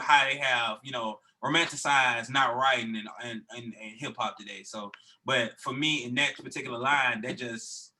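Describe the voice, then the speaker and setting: Bright-voiced man rambling casually. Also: medium pitch, slight background noise, low-quality recording. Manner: loose, rambling, many fillers and restarts. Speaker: recording artist guest. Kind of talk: casual podcast interview.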